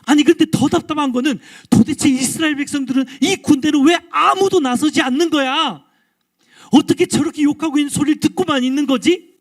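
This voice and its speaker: A man's voice: extremely high pitch, brisk, voice pushed up. A man voicing a brave young shepherd boy who angrily asks why no one will stand up to an insult. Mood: indignant. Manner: exasperated, rising indignant questions.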